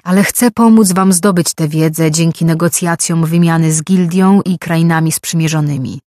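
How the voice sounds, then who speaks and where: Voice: mid-range voice, fairly even intonation, normal speed, a little mellow, no room sound, clean studio sound, natural voice. A reader voicing a young male mage, an earnest envoy who argues and pleads his case in an audiobook. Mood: measured. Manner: pleading, argumentative.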